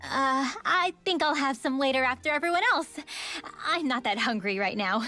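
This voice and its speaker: A prim, high-voiced young heroine. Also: female voice, normal speed, bright, forceful tone, faint music behind. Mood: composed. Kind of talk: game character dialogue.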